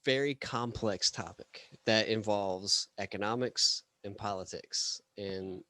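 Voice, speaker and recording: A man co-hosting a casual podcast chat, rambling and halting with many fillers. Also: lowish voice, bright, forceful tone, dry recording. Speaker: podcast co-host.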